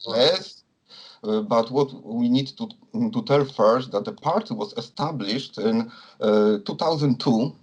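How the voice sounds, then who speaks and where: A man from Poland with a Polish accent, a non-native speaker answering interview questions in a hesitant, halting way, searching for words. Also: mid-range voice, breathy edge, rough recording. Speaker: interviewee, communist political activist.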